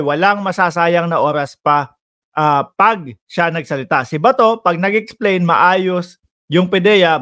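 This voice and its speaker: This Filipino man vlogs casual political commentary, addressing his viewers directly with a teasing, sarcastic edge. His voice is high and fairly bright.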